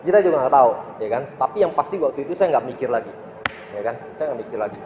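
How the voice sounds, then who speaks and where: Animated man telling a story in an echoey room. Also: medium pitch, very fast, slight background noise. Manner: animated, emphatic storyteller with rhetorical tags and chuckles. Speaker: martial arts instructor telling a personal story. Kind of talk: casual storytelling to camera. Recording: echoey room with long reverb, faint ambience.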